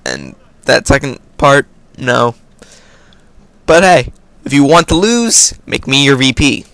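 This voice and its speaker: A man's voice: medium pitch, sing-song, slow, gravelly, a bit bright, dry recording. An American man hosting a casual question-and-answer video, reading viewer questions aloud and then answering in an offhand way. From United States. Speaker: video host. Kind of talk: casual Q&A vlog.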